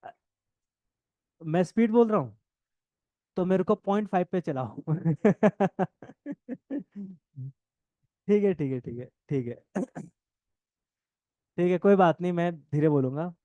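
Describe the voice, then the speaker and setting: A man teaching a coaching class, dictating notes and repeating phrases, talking fast and joking with students now and then. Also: high voice, animated, no room sound, dull audio. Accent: north Indian Hindi. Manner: jokes with students, laughs often.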